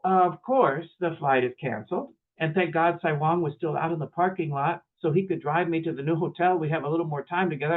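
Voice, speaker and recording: A middle-aged man, a chaplain, telling a personal story in a workshop talk and acting out the voices of the people in it. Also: a little high. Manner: animated, acts out dialogue in first person. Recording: tinny phone-like audio.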